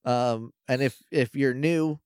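A man's voice: mid-range voice, slow pace, darkish tone, smooth, no room sound, studio quality. A man with a nasal, blocked-nose sound hosting a casual podcast, rambling and joking at his own expense. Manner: rambling, joking, self-deprecating. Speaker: podcast host. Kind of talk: casual unscripted podcast chat.

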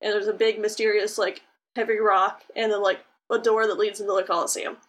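A woman's voice: medium pitch, brisk. A woman co-hosting a podcast, telling a video game story in casual chat and acting out characters. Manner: animated storyteller, acts out characters. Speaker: podcast co-host.

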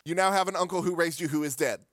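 A man's voice: fairly high pitch, racing, fairly bright tone, dry recording, studio quality. A man co-hosting a casual podcast chat, tossing out wry, sarcastic quips. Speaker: podcast co-host.

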